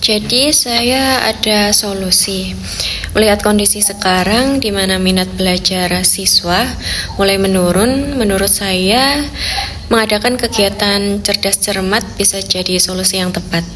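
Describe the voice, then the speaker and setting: A young adult woman in a role-play meeting who puts forward a proposal in a slow, deliberate way. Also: mid-range voice, fairly bright tone, a little hiss or hum. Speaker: team member proposing an idea.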